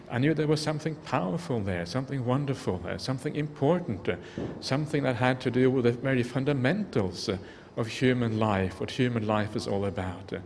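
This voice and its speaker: Reflective man giving a dharma talk in a reverberant hall. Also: lowish voice. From Norway. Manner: earnest, reflective, speaks to the audience directly. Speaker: Buddhist monk giving a talk. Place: large convention hall. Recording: long hall reverb, faint background noise.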